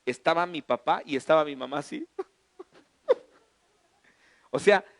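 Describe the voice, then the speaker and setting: A middle-aged Mexican man, a pastor, telling a humorous personal story in a colloquial, animated sermon. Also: a little high, dry recording.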